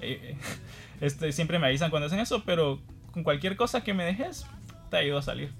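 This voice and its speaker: A man's voice: a little high, lively intonation, moderate pace, gravelly, a bit bright, soft background music. Guatemalan man telling a story, laughing often. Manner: self-deprecating, laughs often while telling. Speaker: guest. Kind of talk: casual anecdote telling.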